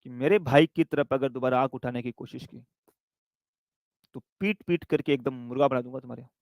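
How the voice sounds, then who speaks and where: A man putting on a stern older sister who mutters her threats low and quick, recorded dry and close. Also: darkish tone, no echo, lightly acted. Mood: threatening.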